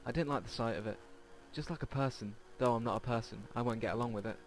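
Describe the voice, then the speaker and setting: This let's play host talks fast in a mid-range voice, reading visual novel lines aloud and occasionally tripping up. Game music plays behind him, with a little hiss or hum in the audio.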